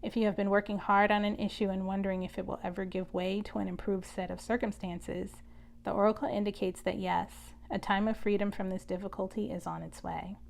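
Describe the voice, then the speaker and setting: A woman giving an energy reading, speaking in a measured, contemplative way and leading a guided prayer. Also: medium pitch, flat delivery, creaky. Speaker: spiritual reader.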